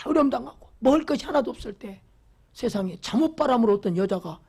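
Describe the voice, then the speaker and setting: This pastor's sermon is fervent and fast, his medium-pitched voice husky and lively in intonation. He asks the congregation questions, repeats phrases, and moves from loud exclamations to whispers.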